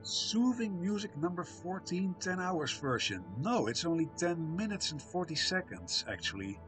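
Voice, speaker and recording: Streaming live, a man with a high, sing-song voice talks easily with his audience, reading their messages aloud at a moderate pace. He sounds soft and soothing, pokes fun at himself, and faint music sits behind him.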